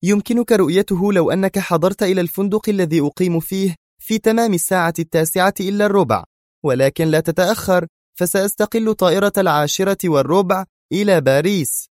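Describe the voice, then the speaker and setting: Male reader doing a brisk, sharp-tongued woman professor in a storybook, voice pitched high, dry close sound. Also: dry recording, lightly acted. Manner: tense, urgent, cutting. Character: flustered but sharp Egyptian woman history professor.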